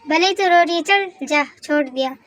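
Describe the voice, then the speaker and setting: A woman's voice: fairly bright tone, dry recording. A young woman voicing a cocky, possessive young man who teases and orders a girl around in a fan audio drama. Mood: bossy. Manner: teasing, bossy, low and slow at times.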